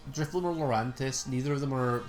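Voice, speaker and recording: A man's voice: medium pitch, fast. A man with a Scottish accent chatting in a rambling, laid-back way while streaming a video game. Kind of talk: casual chat while gaming. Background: game music.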